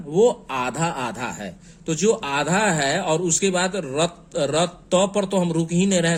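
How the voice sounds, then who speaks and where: A man teaching a spelling lesson, slow and patient, spelling words out letter by letter. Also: a little high, slight background noise. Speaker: English teacher.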